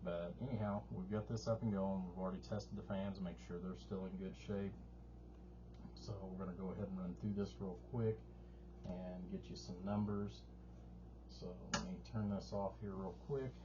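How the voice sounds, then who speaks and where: A man with a low voice and fairly even intonation talks at normal speed, casually walking through an amplifier demonstration as a repair technician. His manner is folksy, rambling and informal. The audio is muffled, with clear background noise.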